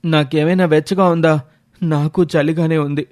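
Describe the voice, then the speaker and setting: Cartoon storybook role: man doing brave young friend, a bit higher than usual, urgent and resolute. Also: steady tone, normal speed, darkish tone, dry recording, studio quality, close to an everyday voice. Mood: determined. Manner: urgent, calling out and determined. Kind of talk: animated storybook voice acting.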